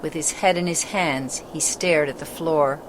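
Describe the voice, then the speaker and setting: A woman with a low voice reads a scripted storybook at a moderate pace. The recording is rough, with clearly audible background noise and ambience surrounding her narration.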